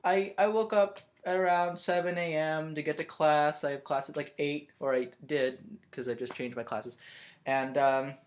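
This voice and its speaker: A young man, a college student vlogging from his bedroom, telling a story in a rambling, self-interrupting, animated way. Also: a little high. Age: young adult. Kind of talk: storytelling vlog.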